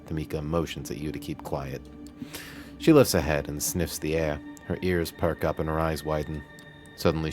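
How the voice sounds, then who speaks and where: A man streaming, reading a visual novel's narration aloud in a steady voice with occasional stumbles. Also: a bass voice. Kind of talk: reading game text aloud.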